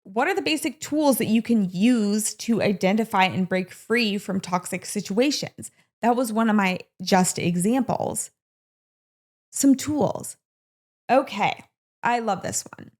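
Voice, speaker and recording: A woman's voice: mid-range voice, unhurried. Chatty woman hosting her solo podcast. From American Midwest. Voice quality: chatty, animated, with playful asides. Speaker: podcast host. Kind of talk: casual solo podcast talk.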